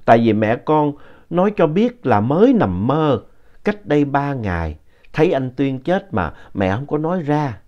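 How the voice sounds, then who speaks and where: A man narrates a spooky tale in a relaxed, conversational manner. His pitch moves a lot, rising and falling as he goes, and he stops now and then to explain things. The audio sounds dull and lo-fi. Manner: unhurried, conversational retelling with explanatory asides. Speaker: storyteller reading a listener's ghost story.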